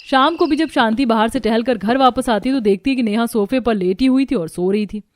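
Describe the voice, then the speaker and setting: A woman narrating a cartoon story in a plain, steady scripted style. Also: fairly high pitch, brisk.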